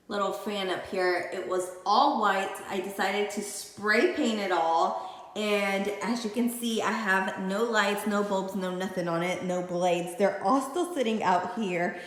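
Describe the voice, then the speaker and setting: A big, hall-like echo surrounds this woman's voice as she vlogs from inside a bare, emptied house. She talks casually and informally to her viewers at a middling pitch, rambling a little as she goes. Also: a bit bright. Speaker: vlogger, channel host. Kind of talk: casual home vlog chat to camera.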